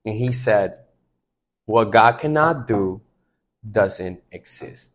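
A man in his twenties from Mexico, talking excitedly about faith in a casual chat, emphatic and full of slang fillers. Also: on the low side, takes it slowly. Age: 20s.

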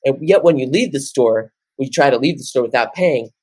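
A man in his late teens co-hosting a podcast, rambling through animated casual chat. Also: mid-range voice, a little fast, no echo. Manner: rambling, animated, jumps into loud off-key singing. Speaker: podcast co-host.

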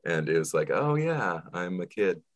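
A man's voice: low-pitched, sing-song, normal speed. A man in his mid-thirties co-hosting a podcast, telling stories in a wordy, hesitant way full of ums. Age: 30s. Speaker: podcast co-host. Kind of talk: casual chat.

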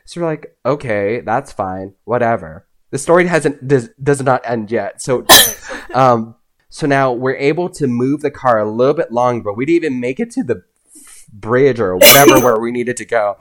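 A man's voice: medium pitch, normal speed. A young man, a podcast guest, telling a long story in a loose, rambling way full of "like"s. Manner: rambling, lots of "like"s. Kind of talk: casual storytelling.

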